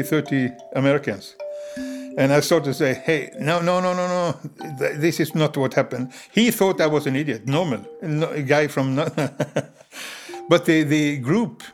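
A man being interviewed, telling stories conversationally in a halting way with repeated words. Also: a little high. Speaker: interview guest, former bank robber. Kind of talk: conversational storytelling.

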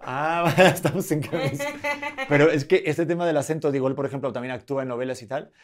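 A man's voice: fairly high pitch, steady tone, fast talker. A man from Spain with a Madrid accent, hosting a casual interview with a chatty, joking manner. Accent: Spanish, Madrid. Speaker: podcast host.

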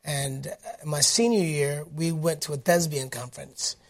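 An animated man from Detroit, speaking as a guest in a relaxed interview. His voice sits fairly high for a man. He talks in an upbeat way, with plenty of fillers and restarts. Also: normal speed, vocal fry. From Detroit, United States. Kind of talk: casual interview storytelling.

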